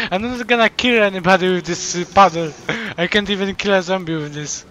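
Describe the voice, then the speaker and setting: A man streaming live and chatting casually, thankful and excited, often stumbling and repeating his words. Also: high-pitched, a little fast, slight background noise, poor audio.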